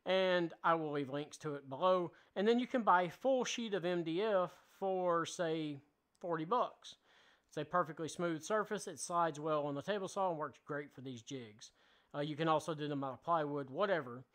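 A man's voice: on the high side, normal speed, a bit bright. Plainspoken man explaining a shop jig. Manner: plainspoken, explains step by step with fillers. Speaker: woodworking channel host. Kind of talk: casual how-to tutorial. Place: home woodworking shop, indoors.

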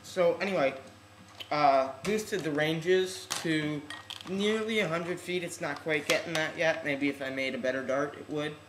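A teenage guy with a slightly high, fairly bright voice speaks unhurriedly, his articulation a little odd because of braces. He gives an offhand, slangy, unscripted demonstration for a casual home vlog as a hobbyist host. It's recorded indoors in a large room at home, and the webcam-style audio is echoey and noisy.

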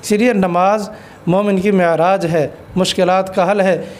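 A man's voice: high voice, fairly even intonation, unhurried. A man who is an Islamic cleric, answering an interview question with an earnest, exhortative sermon and stories.

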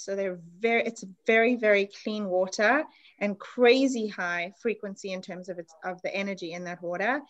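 A woman's voice: mid-range voice, highs cut off. A woman hosting an online class over a video call, explaining in a chatty, enthusiastic way. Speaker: class host.

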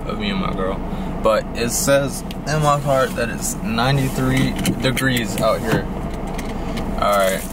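A young man talks in a laid-back, rambling way, full of fillers. His voice sits at a middle pitch. Steady noise from the car and the outdoors runs behind him. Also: unhurried. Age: young adult. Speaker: vlogger. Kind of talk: casual vlog chat. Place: parked car, then gym.

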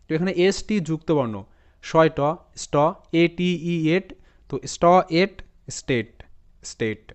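A man teaching English reading, spelling out each word letter by letter and then repeating it slowly. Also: fairly high pitch, clean tone. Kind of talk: spoken language lesson. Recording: dull lo-fi sound.

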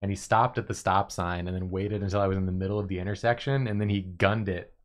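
A man's voice: low-pitched, steady tone, quick pace. A man co-hosting a stream, telling a story in a dry, matter-of-fact way. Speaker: co-host of an art stream. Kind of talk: casual chat.

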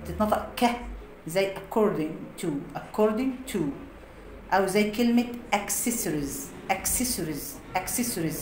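A woman with an Egyptian Arabic accent teaching an English pronunciation lesson, explaining phonics rules through many example words. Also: lowish voice. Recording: echoey room with faint noise.

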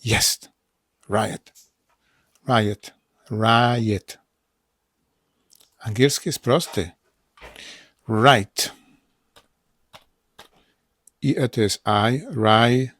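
A man with a Polish accent teaching English pronunciation in a casual spoken lesson, saying words over and over slowly. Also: medium pitch, no echo. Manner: repeats words slowly, drilling them aloud.

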